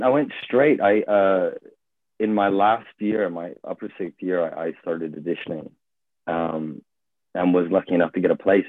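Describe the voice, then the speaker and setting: Deep-voiced young man on a tinny line. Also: dry recording. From Hong Kong. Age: 20s. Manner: hesitant, thoughtful, many fillers and restarts. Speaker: guest actor. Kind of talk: casual conversation. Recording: tinny phone-like call audio.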